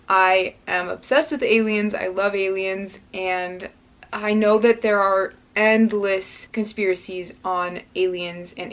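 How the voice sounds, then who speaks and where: Chatty young woman vlogging a mukbang. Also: mid-range voice. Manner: chatty, upbeat and a little nervous. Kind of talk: casual vlog chat.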